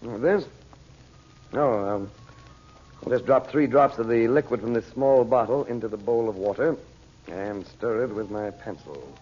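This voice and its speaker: A man's voice: mid-range voice, measured pace, pauses often, darkish tone, husky. An actor playing a shrewd, unruffled magician investigator in a radio adventure serial, talking casually and self-assuredly and muttering as he thinks. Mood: pondering, intent. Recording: muffled, noisy old radio serial recording.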